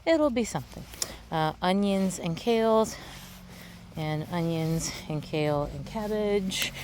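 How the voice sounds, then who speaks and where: A woman giving a casual, rambling garden tour in an offhand, self-deprecating way, recorded outdoors with a tractor rumbling behind her. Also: lively intonation, takes it slowly. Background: tractor rumbling, vehicle noise.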